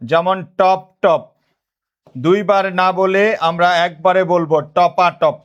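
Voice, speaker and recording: A man from Bangladesh with a high voice leads an online lesson. He keeps asking the class questions and answering them himself, and he dictates notes in short, repeated phrases. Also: fairly even intonation, slow, highs cut off. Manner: repetitive call-and-response questioning. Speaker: teacher.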